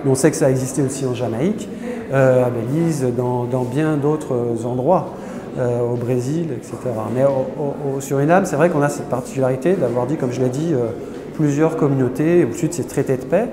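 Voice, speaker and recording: A medium-pitched man talking at normal speed explains history in an indoor exhibition gallery. He's hesitant, full of filler sounds and restarts, and the hall echoes with a crowd in the background.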